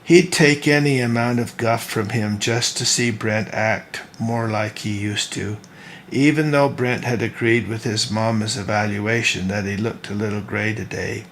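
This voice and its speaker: A man, the author, reading his own novel aloud as storybook narration at an unhurried, gentle pace. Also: fairly low pitch, fairly even intonation, a little hiss or hum.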